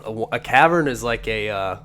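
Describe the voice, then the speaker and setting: A man's voice: lowish voice, animated, a little fast, fairly bright tone. A man co-hosting a podcast with casual, profane, boastful comedic banter. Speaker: podcast co-host.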